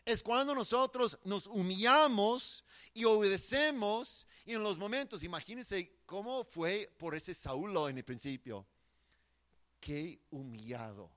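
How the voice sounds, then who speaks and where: A man's voice: high voice, expressive, a little slow, a bit bright. A man preaching a sermon in an earnest, emphatic way, often restarting his words.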